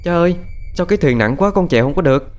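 A man voicing a bright, eager little fisherman's girl in a high, childish pleading voice, for a told ghost story. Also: expressive, quick pace, soft background music, lightly acted.

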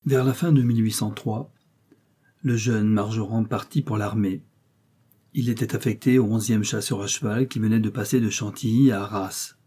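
A man reading a short story aloud in a measured narrating manner, raising his voice for the characters' lines. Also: steady tone, warm tone, breathy edge. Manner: measured, voicing characters' lines with raised pitch.

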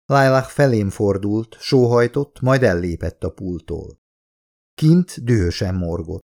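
A male audiobook narrator telling a first-person story with expressive delivery. His voice is low with a gravelly texture and a lively, animated melody.

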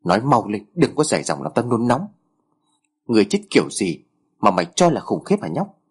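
A drowsy teenage boy, slow to get moving and grumbling sarcastically, as a man puts him on. His husky voice still jumps around with lively pitch. He teases back in a dry, lazy way. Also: full character voice. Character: sleepy, sluggish teenage boy, grumpy and sarcastic.

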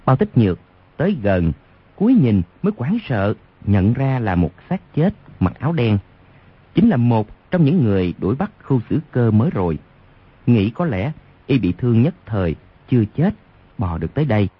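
A man's voice: mid-range voice, sing-song, moderate pace, breathy edge. A man narrating a martial arts novel as an audiobook on radio, reading expressively. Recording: lo-fi radio recording.

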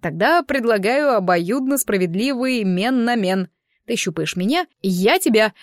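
A woman's voice: fairly high pitch, animated, unhurried, no room sound. A woman reading aloud, voicing a playful, joking young man in a dry recording. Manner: joking, bantering.

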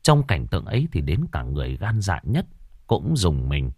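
A man's voice: low voice, wildly swooping pitch, normal speed, slightly rough, dry recording. Dry-voiced male horror storyteller. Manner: dramatic, dark storytelling. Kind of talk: scripted horror narration.

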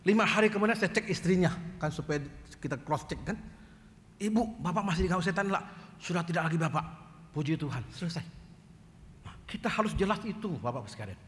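A man preaching a sermon as pastor, telling a story in a lively way and acting out the voices of the people in it. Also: high-pitched, fairly quick, slight background noise. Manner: animated, acts out dialogue in quoted voices. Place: church. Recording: church hall reverb.

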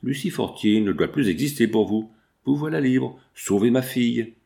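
A man's voice: mid-range voice, normal speed, gravelly, mellow, natural voice. A man voicing a stern, older millionaire in an audiobook who presses his demands coldly. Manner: stern, insistent. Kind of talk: audiobook reading.

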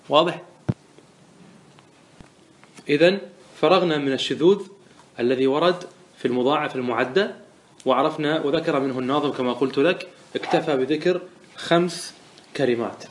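Guy lecturing on grammar, voice a bit high, keeps checking if you got it, drags out the examples. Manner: asks questions and answers them himself, checks understanding; slows down and stresses example words. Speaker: sheikh teaching Arabic morphology. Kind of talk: classroom lecture explaining a grammar poem. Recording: roomy echo.

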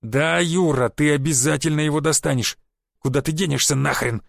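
A man's voice: fairly high pitch, moderate pace, gravelly, dry recording, clean studio sound. A man voicing an angry, cursing male secret police chief who scolds his agent in an audiobook. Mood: stern. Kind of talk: audiobook character voice.

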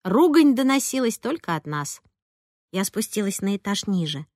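A woman's voice: medium pitch, sing-song, moderate pace, a little mellow, no echo. Dry-voiced woman reading an audiobook. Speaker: audiobook reader. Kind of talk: first-person audiobook narration.

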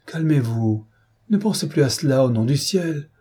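A man's voice: medium pitch, normal speed, warm tone, slightly rough, lightly acted. A man voicing an anxious, motherly governess who speaks in a raised, exclamatory voice in a read-aloud novel. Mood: alarmed. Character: anxious older woman governess, fussy and motherly.

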